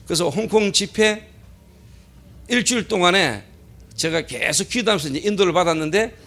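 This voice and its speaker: Middle-aged guy pastor preaching, high pitch with a gravelly rasp, keeps asking himself questions and repeating the point. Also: lively intonation, normal speed, fairly bright tone. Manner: keeps asking rhetorical questions and answering them; emphatic, repeats key phrases. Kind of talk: sermon. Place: church service.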